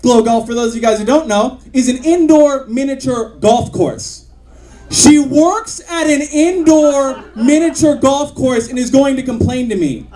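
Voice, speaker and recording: A man's voice: very high-pitched, unhurried, mellow. A man in his twenties doing a crude stand-up set in a comedy club, rambling through his jokes with lots of fillers. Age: 20s. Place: comedy club stage with live audience. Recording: audience laughter behind. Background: crowd laughing.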